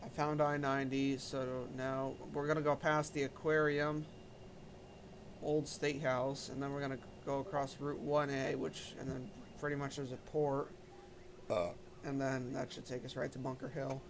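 A man's voice: medium pitch, flat delivery, normal speed, a little hiss or hum. A man hosting a casual gaming stream, chatting with friends and narrating his flight aloud. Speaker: streamer and host.

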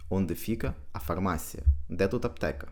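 Man, language lesson, very low pitch, dark tone, repeats phrases patiently. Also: moderate pace. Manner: patient, repeats each phrase twice with translation. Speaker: language teacher. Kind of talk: explaining Portuguese phrases in Ukrainian.

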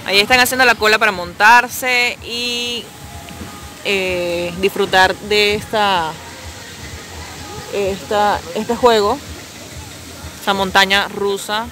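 A young woman vlogging on a phone, excitedly exclaiming and cooing as she films an amusement park and then her pet. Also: medium pitch, slow, long pauses. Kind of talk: casual vlog narration. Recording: noisy outdoor phone recording.

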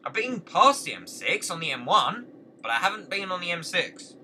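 A man's voice: high-pitched, very animated, moderate pace, pushed and bright, far from the mic, slight background noise. A young man chatting playfully to himself while playing a driving game. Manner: chatty, playful, talks to himself and other drivers. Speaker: gaming channel host. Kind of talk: casual let's play commentary.

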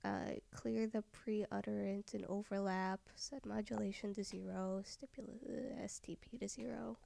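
Female tutorial narrator, low-key and slow, mellow fry-edged tone, dry close sound, drifts into whispers. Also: steady tone, dry recording. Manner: soft-spoken, often trailing into a whisper. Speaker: software tutorial maker. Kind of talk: screen-recorded software tutorial voice-over.

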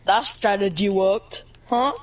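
A man's voice: high-pitched, steady tone, slow pace, a loud crowd. A young male gamer trash-talking playfully and yelping in a casual voice chat.

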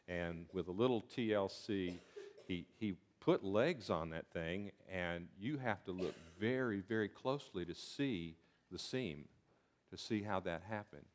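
An older man with a Southern US accent preaching a sermon from a pulpit in a church sanctuary, folksy and earnest, often restarting his words. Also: lowish voice. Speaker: pastor. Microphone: pulpit mic.

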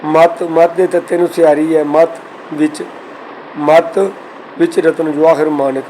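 A man from Punjab teaches the meaning and pronunciation of sacred verses in a calm lesson. His voice sits a little high, and he slows right down to recite each line before explaining it. A faint hiss runs under the recording. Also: poor audio. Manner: slow careful recitation of verses between explanations. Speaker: Sikh scripture teacher.

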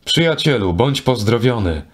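A man's voice: medium pitch, lively intonation, moderate pace, close to an everyday voice. A man voicing a good-humored king who teases a madman, in a storybook reading. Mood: amused. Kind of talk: audiobook character reading.

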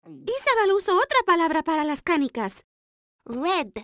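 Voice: very high voice, wildly swooping pitch, normal speed, bright, forceful tone, dry recording, studio quality, exaggerated voice. An actor voicing a curious, eager little boy in a children's cartoon dub, with simple, earnest childlike phrasing. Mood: excited.

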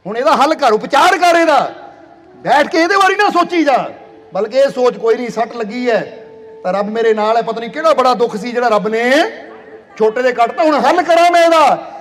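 A man giving a devotional sermon, earnest and repeating phrases for emphasis. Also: very high-pitched. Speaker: spiritual preacher. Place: satsang hall. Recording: long hall reverb.

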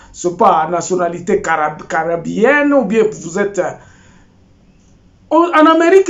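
A man's voice: extremely high pitch, highs cut off. An older Congolese man giving political commentary to camera from a small home office, gesturing and restarting his words. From Congo (DRC). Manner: animated, gesturing, with many repeats and restarts.

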